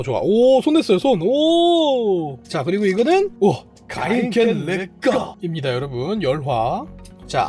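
Kit builder narrating a build, swooping pitch, self-praising, muttering to themself, faint music underneath. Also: darkish tone. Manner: chatty, talks to self while building; playfully boastful, self-praising. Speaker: model kit reviewer. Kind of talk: hands-on build commentary.

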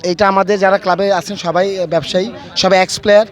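A man's voice: sits high, flat delivery, fast talker. A man from Dhaka giving an earnest, formal post-match statement as a club footballer, mixing in English words. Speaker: veterans football club player.

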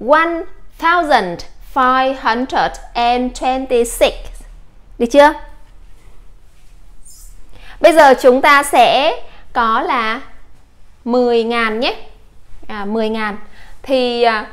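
High-voiced woman teaching English numbers. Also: a bit bright. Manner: patient, slow modeling of English words. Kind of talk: classroom lesson.

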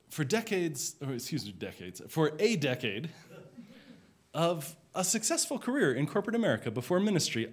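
Slow, reflective male minister. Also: fairly high pitch. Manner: slow, reflective, measured delivery. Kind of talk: sermon.

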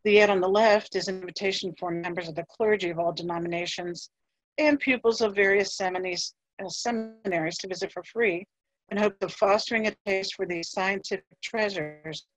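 A woman museum curator giving a scripted history presentation in a measured voice, with a few fillers as she reads from her notes. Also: mid-range voice, dry recording, poor audio.

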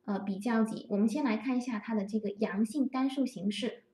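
A woman teaching French grammar to Chinese-speaking learners, patiently explaining and slowly repeating example phrases. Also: fairly high pitch, dark tone. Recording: roomy echo, distant from the mic.

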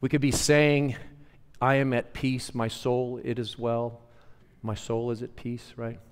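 A pastor preaches to his congregation in a mid-range man's voice, repeating phrases for emphasis and asking the room to answer him. He drops to near-hushed lines, then rises loud and emphatic. The sound carries a long reverb from the church hall. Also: mid-range voice, little pitch movement, a little slow, smooth. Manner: swings between hushed lines and louder emphatic ones. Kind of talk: sermon. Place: church sanctuary.

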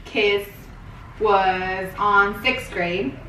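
A young woman in a casual chat among friends, talking in a lively, questioning way. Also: mid-range voice, very slow, recorded from a distance, slight background noise. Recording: echoey room, from the mic.

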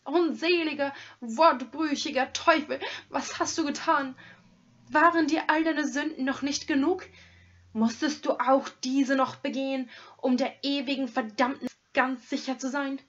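A woman's voice: high voice, fairly even intonation, measured pace, a bit bright, pitched above the performer's own voice. A woman voicing a wailing old hermit. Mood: anguished. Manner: wailing, condemning, raised voice. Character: agitated old hermit holy man. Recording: dull lo-fi recording.

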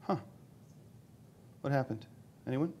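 A man's voice: mid-range voice, slow pace, darkish tone, a little hiss or hum. Joking man giving a live tech demo. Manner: joking, self-deprecating, thinks aloud while demoing. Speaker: conference speaker. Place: conference hall with live audience.

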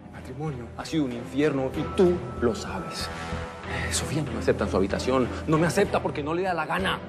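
An actor playing a resentful, self-justifying husband in a telenovela. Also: male voice, mid-range voice, expressive, fast, over music, lightly acted. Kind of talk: telenovela acting.

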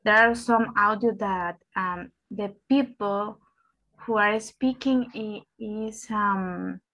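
A woman student answers her teacher in an online class. She speaks slowly and hesitantly, pausing to search for words. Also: mid-range voice, fairly bright tone, lo-fi sound.

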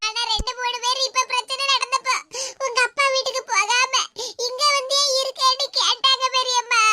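Shrill high voice, bright, southern Tamil Tirunelveli-Kanyakumari accent, mistreated young wife voiced by a woman, cartoon, tearful, pleading. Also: a little hiss or hum. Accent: southern Tamil, Tirunelveli-Kanyakumari dialect. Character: young daughter-in-law, sorrowful and mistreated. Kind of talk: animated cartoon voice acting.

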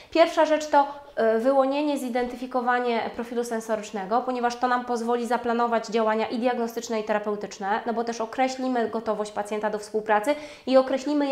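A woman giving a webinar lecture on speech therapy, formal and measured, with frequent hesitation sounds. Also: fairly high pitch, a little mellow. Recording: roomy echo.

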